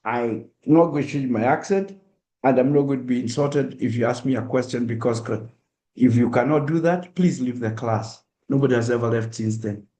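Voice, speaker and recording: At a diaspora awareness event, a middle-aged Kenyan-accented man gives an earnest, direct public talk, acting out examples in the first person. His voice is mid-range and mellow, at a normal speed, and the room sounds echoey.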